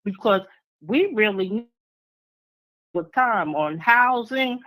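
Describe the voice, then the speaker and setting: A woman's voice: mid-range voice, lively intonation, slow, a bit bright, poor audio. A woman, calling in to a talk show and speaking earnestly, repeating points for emphasis. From New York City. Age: 70s. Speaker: caller. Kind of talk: call-in radio talk. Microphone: phone line.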